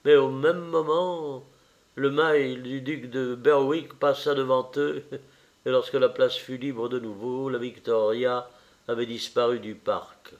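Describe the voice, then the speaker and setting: A man reading a classic novel aloud as an audiobook narrator, measured and deliberate. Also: medium pitch, fairly even intonation. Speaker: audiobook reader. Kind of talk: slow literary narration.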